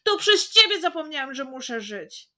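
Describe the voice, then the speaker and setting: A woman voicing an upset young man who shouts and pleads, close to tears. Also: fairly low pitch, flat delivery, brisk, lightly acted. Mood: defiant. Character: upset young man turned back into a boy.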